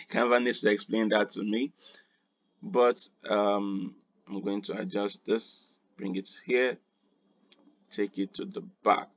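A man hosting a screen-recorded design tutorial, unhurried and thinking aloud with quiet muttered asides. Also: on the low side, steady tone, no echo, highs cut off.

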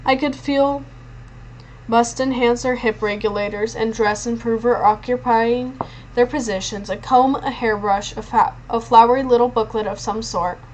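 A woman reads a novel aloud in the first person, her voice sitting a little on the high side. She stumbles and restarts now and then as she reads. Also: steady tone, moderate pace, a little hiss or hum, rough recording. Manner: first-person narration with frequent slips and restarts. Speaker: reader.

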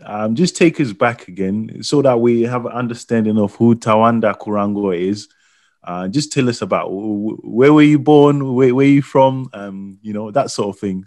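A man's voice: fairly low pitch, a little mellow, no room sound. A man hosting a podcast interview from a home studio, asking loose questions with many fillers. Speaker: podcast host. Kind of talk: casual interview. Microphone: podcast mic on boom arm.

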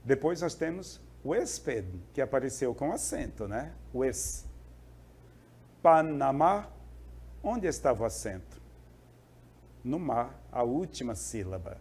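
A man's voice: mid-range voice, big pitch swings, takes it slowly, long pauses, a little mellow, breathy edge. A male Spanish teacher explaining a lesson to students, often checking in with short questions. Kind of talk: classroom lesson.

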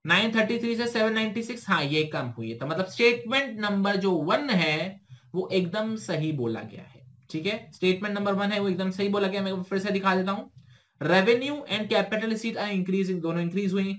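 A young man with an Indian accent teaching exam prep in a brisk, chatty way. His voice sits notably high. He poses questions and then answers them himself, and he slows right down to read the English question text. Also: fairly bright tone. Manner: brisk explaining, slow careful reading of English questions. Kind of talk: exam-prep lesson talk.

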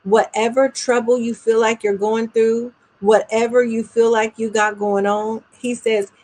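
A woman ministering a prophetic word, fervent and earnest, slowing down for solemn phrases and speeding up for asides. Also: a little high, flat delivery, a little mellow. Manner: earnest, fervent, with spontaneous hallelujahs; swings between slow deliberate phrases and quick asides.

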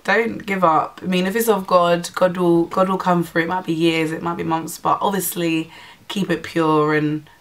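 A woman's voice: fairly low pitch, normal speed. Chatty woman telling a story. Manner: chatty, animated retelling with filler "like" and "blah blah". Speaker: vlogger. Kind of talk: casual storytime.

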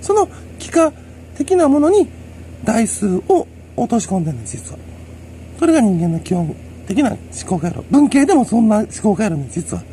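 Chuckling as he goes, a man with a Kansai accent lectures his way through a rambling solo commentary. He speaks at a normal speed in a high, sing-song voice with a dark tone, over faint background noise.

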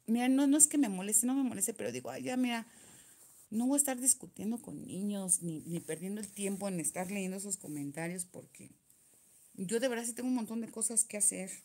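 A woman's voice: mid-range voice, darkish tone. Chatty Mexican woman venting to viewers. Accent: Mexican Spanish. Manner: chatty, venting, reads viewer comments aloud. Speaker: nail vlogger reading live chat. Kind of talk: casual live chat.

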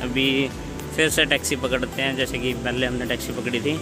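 This is a casual walking-tour vlog: a young man strolls through a mall, phone held out at arm's length on the front camera, chatting with his viewers directly. His mid-range voice stays level at normal speed, and the low-quality recording has music behind it.

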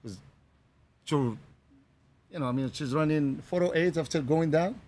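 A man in his forties from Morocco, a running coach, speaking in a halting, filler-heavy way into a handheld mic outdoors on a patio. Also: a little high, a little mellow. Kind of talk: casual interview.

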